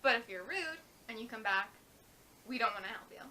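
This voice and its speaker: A young woman co-hosting a casual vlog chat, blunt and quick to chime in with advice. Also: fairly high pitch, lively intonation, pushed and bright, slight background noise. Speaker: vlog co-host.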